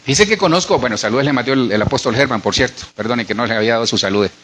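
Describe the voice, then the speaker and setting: A man's voice: mid-range voice, rapid-fire, fairly bright tone. A middle-aged man with a Colombian accent, preaching a sermon as pastor and speaking straight to his congregation in a conversational way. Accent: Colombian Spanish. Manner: conversational preaching, addresses listeners directly.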